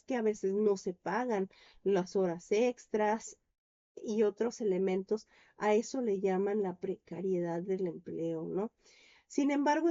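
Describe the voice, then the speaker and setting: A woman's voice: on the high side, mellow, muffled recording. A woman giving a university class online, explaining step by step with frequent "eh" fillers and "¿no?" tag questions. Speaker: university lecturer. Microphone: computer or headset mic on a video call.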